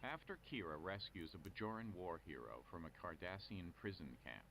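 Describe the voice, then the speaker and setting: An actor playing a male quiz announcer who reads trivia questions and answer options in a measured, formal way. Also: low voice, lively intonation, over a noisy crowd. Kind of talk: scripted game show announcing. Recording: noisy game audio.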